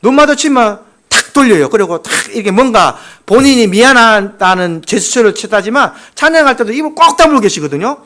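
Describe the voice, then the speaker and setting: A man with a Gyeongsang accent preaching a sermon as a church pastor, emphatic and folksy, telling stories and dropping suddenly into quiet asides. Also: high-pitched, lively intonation, fairly quick, few pauses. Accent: Gyeongsang Korean.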